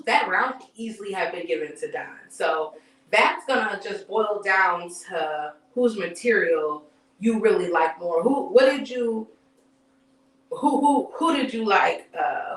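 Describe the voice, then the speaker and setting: A woman's voice: medium pitch, a bit bright, far from the mic. A woman, giving a loose, profane, casual live recap of battle rap events as the channel's host. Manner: loose, profane and conversational, with frequent fillers and sighs. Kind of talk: casual live-stream commentary. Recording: echoey room, voice from off the mic.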